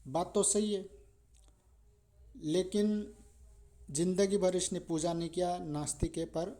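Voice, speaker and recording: A male religious storyteller with a warm, mellow voice pitched a little high. He tells a devotional tale in a chatty, animated way, often calling his listeners brother. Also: slow.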